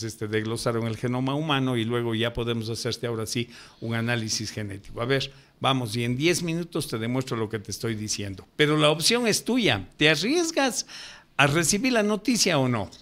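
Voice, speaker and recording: A man's voice: mid-range voice, a little fast, fairly bright tone. An older man, a ufologist guest on a radio interview, lecturing emphatically and pushing his voice up to stress his points. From Ecuador. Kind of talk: radio interview, impassioned explaining.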